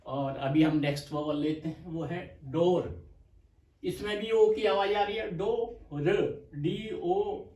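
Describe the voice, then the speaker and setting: Male shorthand tutor, patient and slow, in an echoey room. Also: a little high, fairly even intonation, a little mellow. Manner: patient, repeats words slowly for dictation. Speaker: shorthand teacher. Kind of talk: slow explanatory lecture. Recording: echoey room, mic far off.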